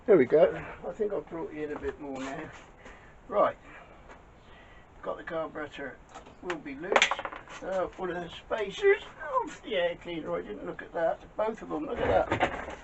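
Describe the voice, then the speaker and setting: Repair vlogger: gravelly, slightly high man, muttering workshop commentary, dull lo-fi audio. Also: lively intonation, normal speed. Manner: muttering to himself while working. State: out of breath. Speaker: small engine repairer. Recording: dull lo-fi audio with clear background noise.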